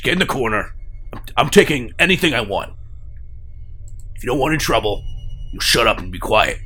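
A man's voice: medium pitch, big pitch swings, a little fast, sharp tone, faint music behind. A man voicing a threatening male looter with a baseball bat in a tabletop zombie game. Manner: threatening, barking orders.

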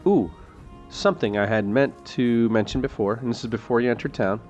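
A man's voice: mid-range voice, fairly quick, a little mellow, muffled recording. A man casually narrating a tabletop fantasy game as its game master. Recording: music behind the voice.

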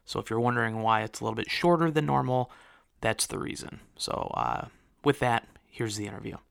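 Guy hosting his show, earnest and rambly, bright gravelly voice, clear tone. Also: mid-range voice, fairly quick. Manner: earnest, filler-heavy with restarts. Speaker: podcast host and interviewer. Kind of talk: casual spoken commentary then interview.

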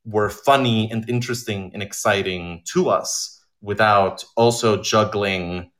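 Interviewed as a guest, an audio drama writer and director with a fairly low voice talks informally and unhurriedly about his creative work. He tells stories with animation and likes acting out imagined remarks.

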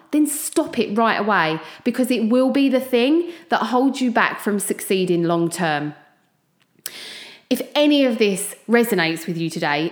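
A woman with an Essex accent speaks at a middling pitch in an echoey room. She hosts a motivational podcast on her own, chatting informally and giving listeners a direct pep talk. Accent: Essex English. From Essex, England. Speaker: podcast host.

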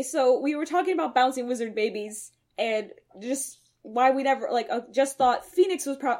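A woman's voice: high-pitched, darkish tone. A woman with a Midwestern American accent co-hosting a podcast in casual chat, playful, laughing often and correcting details. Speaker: podcast co-host.

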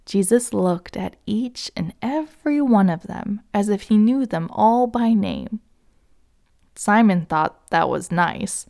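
A woman tells a children's story in an unhurried, gentle way. Now and then she turns to the young listener with a question. Her voice is mid-pitched with a light gravelly texture.

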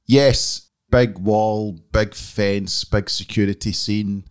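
A man's voice: on the low side, fairly even intonation, takes it slowly, clear, resonant tone. A man with a Glaswegian Scottish accent, chatting casually and wryly on a podcast. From Glasgow, Scotland. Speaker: magazine editor, podcast guest. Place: small office room.

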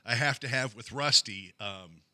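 A man's voice: medium pitch, moderate pace, pushed and bright, dry recording. A man co-hosting a casual podcast, hesitant and often restarting his sentences. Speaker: co-host.

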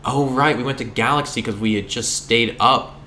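A man's voice: medium pitch, normal speed, pushed and bright. A man hosting a podcast, telling a story in rambling casual chat, swearing freely, his throat sore from sinus trouble. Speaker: podcast host.

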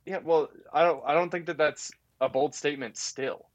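A man's voice: on the high side, steady tone, normal speed, dull audio. A young man co-hosting a podcast in casual chat, teasing and blunt with his friend. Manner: teasing, blunt, laughs easily. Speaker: podcast co-host.

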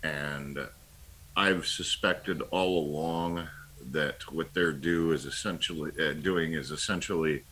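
Deep, slow, husky-voiced man. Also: fairly even intonation, sharp tone, slight background noise. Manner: halting and wry, full of ums and pauses. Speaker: political talk show co-host. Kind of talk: casual political commentary.

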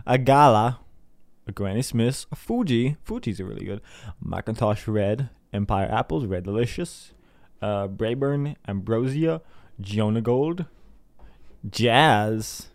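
A man's voice: medium pitch, gravelly, darkish tone, no room sound. A man in a mid-range voice talks casually to his listeners, with many fillers. He wanders loosely from one thought to the next and chuckles at his own jokes. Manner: rambling, chatty, laughs at his own jokes. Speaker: host. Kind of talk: casual solo monologue.

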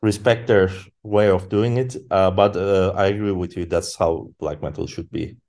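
A man, a podcast guest speaking English as an in halting casual talk with many fillers. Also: sits low, fairly even intonation, creaky, a little mellow. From Turkey. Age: 30s. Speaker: guest musician. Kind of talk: casual interview chat.

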